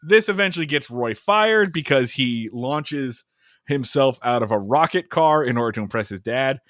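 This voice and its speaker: A podcast co-host with a mid-range voice casually recaps an old comedy film at a moderate pace, animatedly acting out scenes in silly, funny voices and swearing along the way. The audio is studio quality with no echo.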